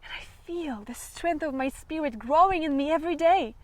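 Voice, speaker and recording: Woman acting high-voiced, fragile young stage heroine Nina. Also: a little mellow, dry recording, close to an everyday voice. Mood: fervent, exultant. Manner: halting, distracted, emotionally wavering. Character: Nina, weary, fragile young actress, wounded yet fervent. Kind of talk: theatrical dramatic monologue.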